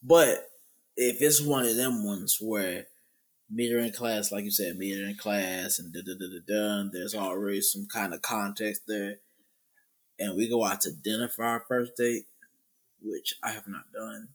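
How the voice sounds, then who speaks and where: A man's voice: on the low side, a little slow. A young man from Georgia, co-hosting a podcast in casual, profane, joking banter. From Georgia, US South. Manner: animated, profane, joking boasts. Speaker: podcast co-host.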